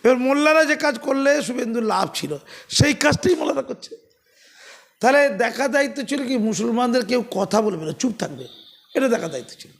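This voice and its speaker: A man's voice: very high-pitched, vocal fry. A man giving heated political talk, sarcastic and full of rhetorical questions. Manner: sarcastic, rhetorical questions, grows loud and forceful. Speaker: political commentator.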